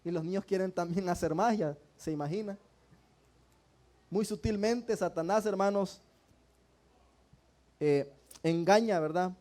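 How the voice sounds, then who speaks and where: Male preacher, high pitch, call-and-response sermon style in church. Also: a little slow, pauses often, darkish tone. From El Salvador. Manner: asks the congregation rhetorical questions and often calls them brothers.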